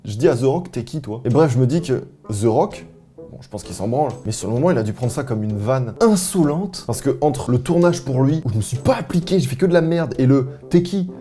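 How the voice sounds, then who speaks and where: A man from France telling anecdotes to the camera in a casual, animated, self-mocking and slangy way. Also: mid-range voice, a little fast, soft background music. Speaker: vlogger.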